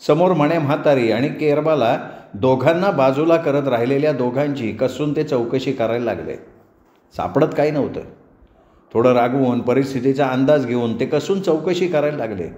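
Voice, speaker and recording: A man tells a village tale in an earthy, rustic voice at medium pitch. The sound is muffled and slightly roomy, like a home recording. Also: moderate pace, a little mellow. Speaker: storyteller. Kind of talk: rural Marathi story narration.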